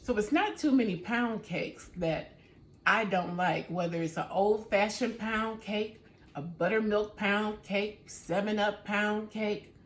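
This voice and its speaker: Unhurried woman chatting about her baking. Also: mid-range voice. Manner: easygoing, chatty, talks to viewers directly. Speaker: home baking channel host. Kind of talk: casual cooking vlog chat.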